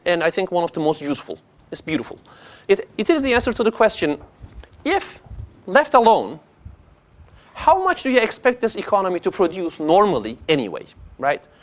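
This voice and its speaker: A man giving a conversational academic lecture as an economics professor, posing rhetorical questions and checking in often. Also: sits high.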